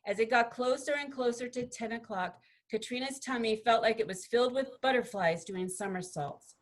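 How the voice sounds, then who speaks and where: A woman's voice: fairly high pitch, moderate pace. Woman reading a picture book aloud. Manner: expressive, gently paced storytelling. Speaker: student presenter.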